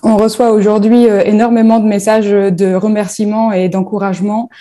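Her voice is warm and medium in pitch, delivered flatly at a moderate pace. She is the founder of a bereavement platform, from northern France, and she responds to interview questions with frequent hesitations and fillers.

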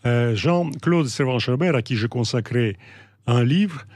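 A middle-aged man from Russia with a Russian accent, talking in a measured, hesitant way with many pauses and restarts as an interview guest. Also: medium pitch, darkish tone, no room sound. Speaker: guest, novelist. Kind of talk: reflective interview talk.

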